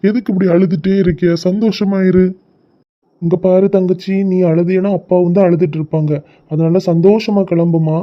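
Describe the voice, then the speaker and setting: A man doing a doting Kanyakumari dad, high-voiced. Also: steady tone, normal speed, dull audio, lightly acted. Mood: consoling. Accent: Kanyakumari Tamil. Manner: gently coaxing, affectionate. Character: doting middle-aged father of the bride. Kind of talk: cartoon voice acting.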